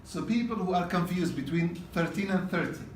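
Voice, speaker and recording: A man's voice: sits high, animated, a little fast, a little hiss or hum. A man teaching a test-prep class in a casual lecture style, often checking in with "okay?" and repeating key points. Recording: roomy classroom from a distance.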